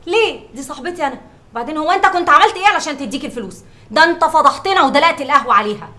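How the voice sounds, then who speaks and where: A bossy woman barking orders, her voice high, bright and quick in Egyptian Arabic. She sounds shrill and commanding. The room gives back a clear echo. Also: animated. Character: bossy woman playing mistress of the house. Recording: roomy echoey set.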